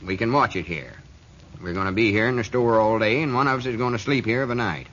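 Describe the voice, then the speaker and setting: An actor playing a bossy old storekeeper with a drawl, heard through an old AM radio broadcast. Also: male voice, on the low side, fast, a bit bright. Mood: self-assured. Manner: scolding, self-assured drawl. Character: old rural male storekeeper, bossy and sure. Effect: old AM radio broadcast sound. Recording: muffled noisy 1940s radio recording.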